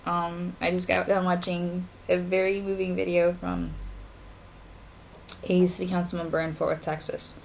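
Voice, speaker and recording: A woman in her twenties talking haltingly and emotionally in a personal vlog from her dorm room, with pauses and sighs. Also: lowish voice, little pitch movement, creaky, dull audio, a little hiss or hum. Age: 20s. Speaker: vlogger.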